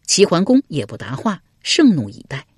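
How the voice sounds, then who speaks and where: A woman storyteller reading a historical novel aloud, her voice sitting fairly low. Her narration is dramatic and expressive, her pitch moving a great deal, and the sound is close and dry. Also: moderate pace, breathy edge, no echo.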